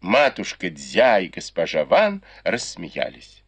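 A male reader narrates a classic novel in a husky, lowish voice with very lively pitch. His delivery is animated, like a storyteller's. The recording is dry and close. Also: takes it slowly, no room sound. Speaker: audiobook reader. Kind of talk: expressive literary narration.

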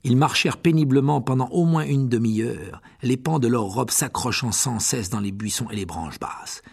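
A man's voice: medium pitch, moderate pace, creaky, a little mellow, slightly rough. A man narrating a fantasy audiobook dramatically, often dropping to a whisper. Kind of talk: expressive audiobook reading.

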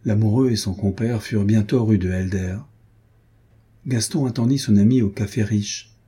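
Dark-voiced man reading a novel aloud. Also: on the low side, normal speed, slightly rough. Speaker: audiobook reader. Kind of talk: scripted narration of a novel.

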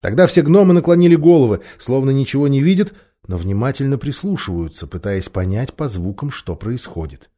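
A male reader narrates a children's storybook aloud. His voice is mellow and warm at a medium pitch, and he reads in an expressive, measured way. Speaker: audiobook reader.

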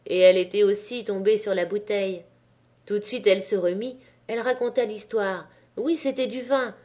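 A woman's voice: fairly high pitch, darkish tone. Woman reading a classic novel aloud. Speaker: audiobook reader. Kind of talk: audiobook narration of a classic novel.

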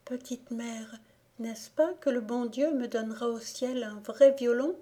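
A woman's voice: fairly high pitch, moderate pace, warm tone, pitched above the performer's own voice, lightly acted. A woman voicing a frail, dying ten-year-old peasant boy who murmurs faintly as he pleads. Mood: faint pleading. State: dying, weak.

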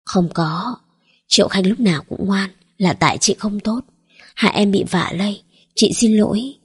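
A woman reading an audiobook, voicing a gentle young woman who soothes her little brother in a soft voice. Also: medium pitch, normal speed, husky. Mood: soothing. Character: gentle protective young woman, older sister.

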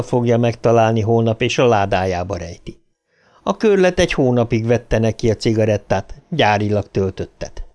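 A male audiobook narrator reading horror fiction at a measured, dramatic pace. His voice sits in an ordinary middle register and he leans into tense moments. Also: mid-range voice, a little mellow.

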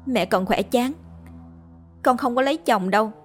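A woman narrator voicing a devoted young daughter who speaks in a high, urgent, pleading voice. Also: moderate pace, faint music behind, close to an everyday voice. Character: devoted young adult daughter, anxious and tearful. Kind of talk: storybook narration.

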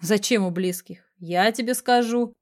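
A woman's voice: medium pitch, measured pace, darkish tone, lightly acted. A woman reading the part of a self-important male police lieutenant colonel with a patronizing manner. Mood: magnanimous. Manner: patronizing, pleased with himself.

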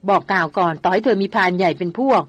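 A woman voicing a spirited young woman doctor who scolds and teases in a quick tongue, in a dry recording. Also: lowish voice, steady tone, no room sound, natural voice. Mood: bossy.

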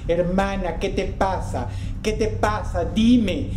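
A man's voice: high-pitched, fairly even intonation, measured pace, voice pushed up. A man doing a desperate pleading young boy. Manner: pleading, rising and strained. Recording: echoey room with background noise.

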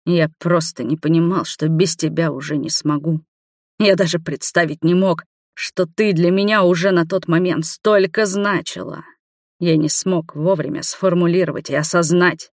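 A woman voicing a distraught man with a weak heart, shouting in slow, heavy anguish in an audiobook. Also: fairly low pitch, fairly even intonation, no room sound, clean studio sound, natural voice.

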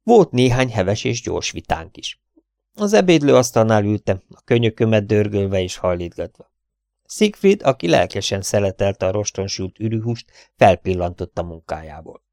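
A man narrating an audiobook in the first person, steady and measured, on a close studio mic. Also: fairly low pitch, vocal fry, no room sound.

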